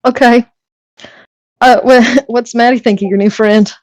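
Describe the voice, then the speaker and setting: A woman's voice: a little high, steady tone, measured pace, no echo. Woman player, friendly and encouraging, dry sound. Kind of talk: playing a tabletop game in character.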